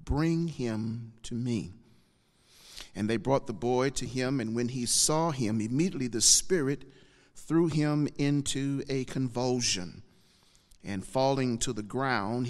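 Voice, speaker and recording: Guy pastor giving a sermon at a pulpit mic, real slow and deliberate, big church reverb. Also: medium pitch. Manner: deliberate, measured, pausing between phrases; speaking at a pulpit microphone. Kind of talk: sermon with scripture reading. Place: large church sanctuary. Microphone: pulpit microphone. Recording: long hall reverb from church PA.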